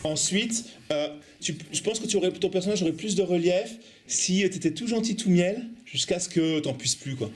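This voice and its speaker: Man, theatre coach, giving notes, hesitant, slightly high voice. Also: expressive, normal speed. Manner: hesitant, many fillers, friendly correcting. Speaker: theatre teacher. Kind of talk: giving notes in an improv class.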